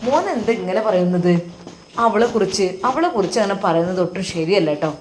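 A woman's voice: mid-range voice, fast, a little mellow, a little hiss or hum, natural voice. A woman doing a tender, coaxing old father. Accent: Malabar Malayalam.

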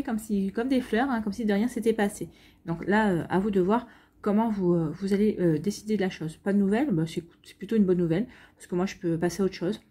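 A woman's voice: medium pitch, warm tone, breathy edge. A woman with a French accent giving a casual weekly tarot reading, chatty, with many fillers and slangy asides. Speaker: tarot reader.

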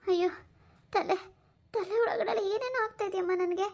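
A woman's voice: very high voice, normal speed, creaky, darkish tone. A woman voicing a grief-stricken young mother in a cartoon, sobbing and pleading. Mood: distraught. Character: young mother, grief-stricken over her missing baby. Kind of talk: cartoon voice acting.

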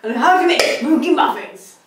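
A woman's voice: sits high, animated, normal speed, heavy reverb, background noise. A young woman playing a bossy, fussy young male villain in a fan cosplay skit, in a home kitchen filmed by a far camera. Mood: exasperated. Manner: bossy, exasperated, nagging.

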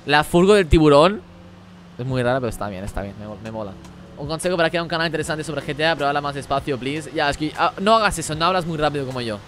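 A man streaming a game live, talking rapidly as he reads and answers the chat. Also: on the high side, a bit bright, slight background noise. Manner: rapid-fire talk while reading chat. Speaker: gaming streamer.

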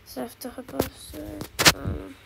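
A woman giving casual, excitable commentary while streaming a game, repeating herself and talking to her chat. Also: sits high, moderate pace, creaky, heavy background noise.

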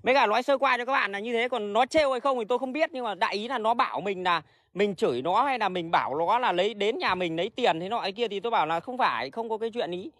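A man rattles through a casual livestream in a high, bright, sharp voice. He is blunt and swears freely, doubling back and restarting his sentences as he goes. The sound is dry, with no room echo. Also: animated, quick pace, hardly any pauses. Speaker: livestream host selling plants.

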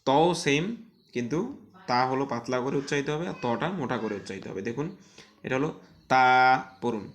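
A man teaching an online Quran recitation class, drawing out syllables for students to repeat and explaining calmly between drills. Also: medium pitch. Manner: slow, drawn-out syllable drills with louder repetitions.

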